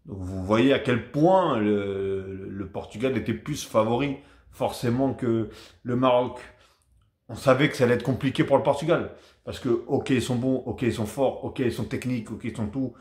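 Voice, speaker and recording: Chatty French football vlogger, roomy echo. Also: male voice, mid-range voice, normal speed. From France. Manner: chatty, rambling, animated. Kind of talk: casual match debrief to camera.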